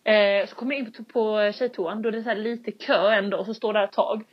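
A young woman in casual podcast chat, telling a story with lively acted-out quotes and casual swearing. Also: mid-range voice. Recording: dull lo-fi sound.

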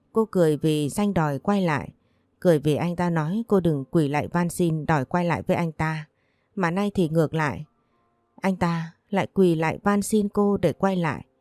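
A woman reads a romance story aloud, taking every part in the same even voice. Her tone is low and mellow, and the recording is dry and close. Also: no room sound. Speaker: audiobook narrator. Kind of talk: scripted narration of a romance story.

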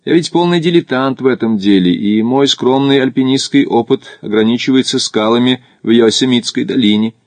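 A man's voice: mid-range voice, fairly quick, few pauses, no echo, pitched above the performer's own voice, natural voice. A man voicing a skeptical, cautious male doctor who climbs as an amateur, wry and guarded. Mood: wary.

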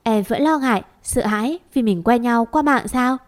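A woman reading as an earnest young man courting his girlfriend from afar. He pleads tenderly, in a fairly high voice. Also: normal speed, natural voice. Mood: pleading.

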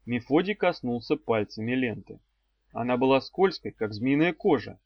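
A man narrating an audiobook in an even, measured storytelling manner, in a dry, slightly dull recording. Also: medium pitch, no echo.

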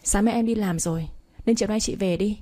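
A woman's voice: mid-range voice, a little fast, dark tone, close to an everyday voice. A woman voicing a polite, weary young man. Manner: polite, apologetic, firm.

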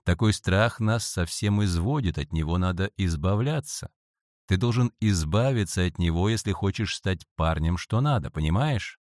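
A man voicing a calm, knowing schoolboy who speaks with gentle, assured persuasion, on a dry close audiobook recording. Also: deep voice, normal speed, no room sound. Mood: persuasive.

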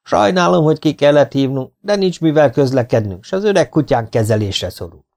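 A cordial, unshaven old man in his sixties, played by a male reader greets the listener in a hearty, raised voice. His tone rides clearly higher than the reader's usual speech, with a gravelly grain. It suits a storybook reading. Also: animated, a little mellow. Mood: welcoming.

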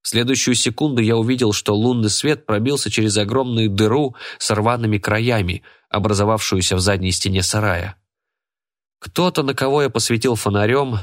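A man narrates a first-person story in a steady, measured reading voice. His pitch sits on the low side. The delivery stays even throughout. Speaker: audiobook narrator.

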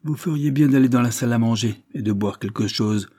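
Un homme qui lit joue un vieux lord sévère et soupçonneux qui interroge gravement sa nièce. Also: male voice, medium pitch, a little fast, mellow, lightly acted. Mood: grave. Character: stern elderly lord, suspicious and irritable.

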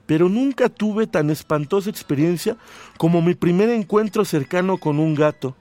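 A man's voice: high voice, normal speed, dry recording. A man, a radio host who reads a story expressively and then chats with guests. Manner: expressive reading, voices quoted lines loudly. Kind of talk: dramatic story reading, then casual radio chat.

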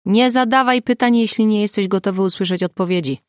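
A woman reading the lines of a brisk, teasing amateur sleuth in an audiobook. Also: medium pitch, expressive, no room sound, studio quality. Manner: brisk, matter-of-fact, teasing. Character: grown woman, sharp-witted amateur sleuth.

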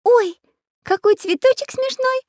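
A woman voicing a curious little girl who is excited and full of wonder. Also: very high-pitched, a little slow, dry recording, clean studio sound, voice pushed up. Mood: delighted.

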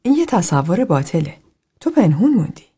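A woman's voice: on the low side, very animated, dark tone, husky, exaggerated voice. A woman reading as a blunt, outspoken group member. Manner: blunt, direct, confrontational.

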